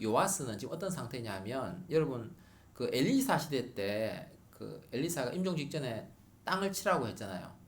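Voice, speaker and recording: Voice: mid-range voice, a bit bright. A middle-aged pastor preaching a sermon at a Friday prayer meeting, repeating key words for emphasis.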